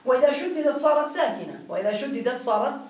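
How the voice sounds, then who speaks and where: A man's voice: very high-pitched, expressive, quick pace, a little mellow, recorded from a distance. A man teaching a classroom grammar lesson, explaining step by step and quizzing his students. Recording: roomy classroom with faint noise.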